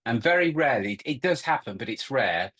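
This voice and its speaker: Middle-aged male webinar co-host, husky tone, emphatic delivery with frequent restarts. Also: mid-range voice, animated, brisk, fairly bright tone. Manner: emphatic, repeats words, restarts often. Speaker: co-host of recruiting workshop. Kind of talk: webinar presentation.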